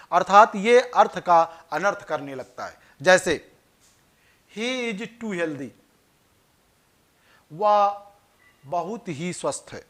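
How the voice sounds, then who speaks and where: Male English tutor, high voice, unhurried lesson delivery that repeats each point. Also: a bit bright. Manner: slow explaining, repeats points, reads example sentences slowly. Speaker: English teacher. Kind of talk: classroom grammar lesson in Hindi.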